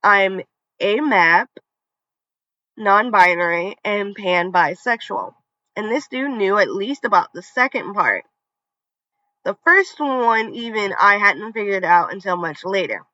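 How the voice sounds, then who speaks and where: A story channel narrator slowly reads online revenge stories with lively intonation, adding casual asides and now and then stumbling and restarting a word. The medium-pitched voice is pushed and bright. It's a dull, slightly lo-fi dry recording with no echo.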